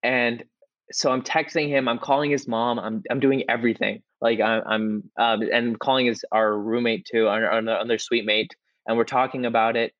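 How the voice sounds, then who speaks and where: Excitable young man telling a story. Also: medium pitch, normal speed, dry recording, highs cut off. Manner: excitable, lots of "like" and restarts. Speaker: podcast co-host. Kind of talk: casual podcast storytelling.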